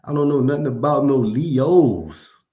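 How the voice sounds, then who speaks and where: A man's voice: medium pitch, lively intonation, a little slow, warm tone, reverberant. A man from Louisiana, hosting a casual livestream, reading viewer comments and talking to them in a laid-back, slangy way. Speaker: livestream host.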